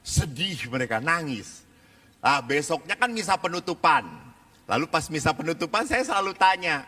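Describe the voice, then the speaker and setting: A man preaching with a bright, sharp voice that swings widely up and down, rising high when he acts out the children and mothers in his stories. His sermon rings out with long reverb across a large hall. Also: expressive, moderate pace. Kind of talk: lively sermon to a live audience.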